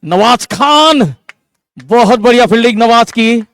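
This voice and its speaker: A man giving live ball-by-ball cricket commentary, with excitable, drawn-out calls on the big moments. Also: extremely high pitch, dry recording.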